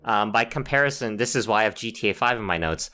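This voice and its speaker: A man's voice: on the low side, quick pace. Nasal man co-hosting a casual podcast. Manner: relaxed, hesitant with many fillers. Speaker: podcast co-host.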